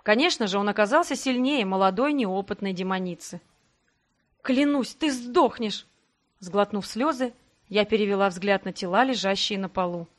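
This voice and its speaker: A woman reading a first-person fantasy audiobook in a dramatic, expressive way. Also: medium pitch, fairly quick. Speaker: audiobook narrator.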